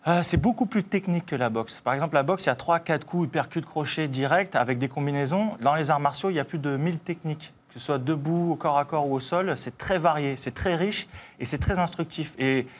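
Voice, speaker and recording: A man's voice: fairly high pitch, brisk. A man, a martial arts coach on a TV show, explaining things earnestly.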